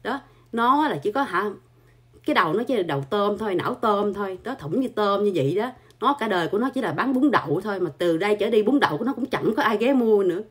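A woman's voice: medium pitch, expressive, fast talker, breathy edge. A woman, hosting her channel with an angry, scolding monologue full of insults and filler particles. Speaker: channel host.

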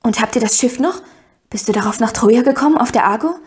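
A woman's voice: mid-range voice, steady tone, brisk, warm tone, natural voice. A woman reading an audiobook, voicing an eager, curious thirteen-year-old girl who asks question after question. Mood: excited. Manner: breathless, pleading questions.

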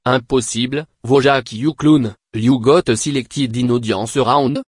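A man's voice: medium pitch, fairly even intonation, unhurried, slightly rough, no echo, studio quality. A man voicing a pompous, mocking, foul-mouthed host of a cartoon parody game show. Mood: sneering showmanship.

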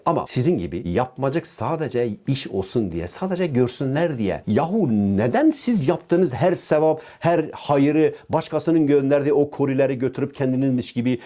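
Fast, combative male political YouTuber. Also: mid-range voice, warm tone. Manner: indignant, combative, addresses the official directly. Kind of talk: reaction commentary.

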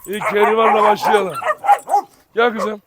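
Man, high lively voice, casual farm vlog, coaxing dogs, loud outdoor noise and barking. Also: a little slow. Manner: coaxing dogs, addressing viewers. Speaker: dog breeder vlogger. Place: outdoor farm with dog cages.

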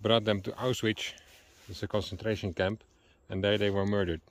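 Walking through a forest outdoors, a man whose first language is Dutch chats playfully and casually while searching for English words. His voice is lowish with little pitch movement, at a normal speed.

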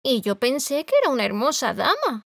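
A woman's voice: high voice, huge pitch swings, brisk, vocal fry, fairly bright tone, no echo, studio quality, pitched above the performer's own voice, full character voice. Woman doing a whiny straw scarecrow. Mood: plaintive. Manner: plaintive.

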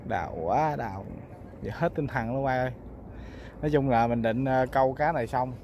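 Here a man with a medium-pitched, slightly mellow voice and moderate pace chats informally to his audience as a fishing vlogger, exclaiming often. He has a Mekong Delta accent from Southern Vietnam and records outdoors on a small boat on a river, with the boat's noise coming through clearly.

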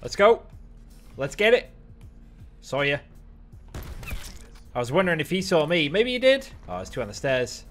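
A young man streaming, giving excitable running commentary on his gameplay from a close mic. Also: fairly high pitch, normal speed, long pauses, faint music behind. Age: young adult. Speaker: gaming streamer.

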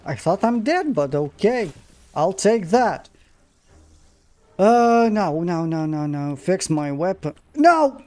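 A man's voice: high voice, slow, soft background music. A man narrating his own gameplay, swearing freely and talking to the monster he fights. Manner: swears often, talks to the monster, excitable outbursts. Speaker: gamer. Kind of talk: live gameplay commentary.

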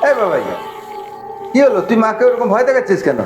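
A man playing a very high-voiced panicky husband. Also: lively intonation, a little fast, music in the background. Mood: puzzled. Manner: exclaiming, panicky. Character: startled husband and father. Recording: echoey room.

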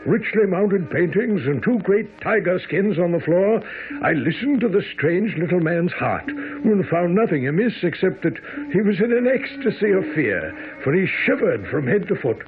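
An actor playing a genial, earnest doctor and detective's companion, narrating and talking in a radio drama. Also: male voice, sits high, big pitch swings, normal speed. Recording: noisy, narrow old radio broadcast.

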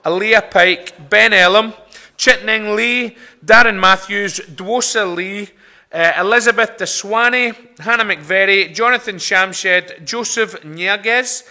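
Bright-voiced Glaswegian man. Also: high voice, slow pace. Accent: Glaswegian Scottish. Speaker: chapel service leader. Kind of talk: informal spoken announcements from a lectern. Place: brick-walled chapel with a seated congregation. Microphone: lectern microphone.

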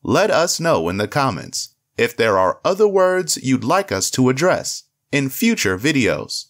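Slow, clear American male pronunciation tutor. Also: mid-range voice, sing-song, a bit bright. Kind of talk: scripted instructional narration.

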